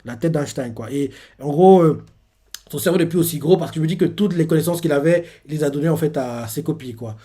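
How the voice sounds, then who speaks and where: A man hosts a casual live reaction to a manga chapter, retelling scenes in a loose, rambling way. His voice sits a little above an ordinary man's pitch. His talk is full of fillers and restarts as he searches for words. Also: a little fast, mellow, breathy edge.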